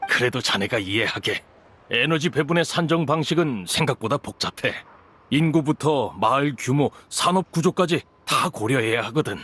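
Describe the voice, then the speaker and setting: An actor playing a middle-aged male village official in a video game, measured, paternal and explanatory. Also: a little high, fairly bright tone. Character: male village official handing out energy, patient and formal. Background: game music.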